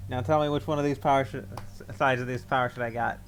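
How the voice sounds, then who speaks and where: Gravelly man streaming a game. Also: mid-range voice, steady tone, fast, a little hiss or hum. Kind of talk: casual game commentary.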